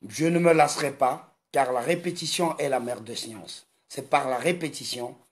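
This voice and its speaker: A man from Congo delivering an impassioned monologue in a slow, emphatic, repetitive manner. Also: mid-range voice. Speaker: video commentator.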